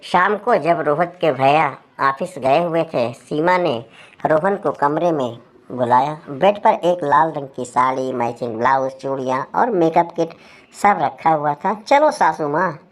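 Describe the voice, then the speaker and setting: A woman telling a story aloud with a steady, expressive read. Her voice sits low for a woman. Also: a little slow. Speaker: story narrator. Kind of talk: storytelling narration.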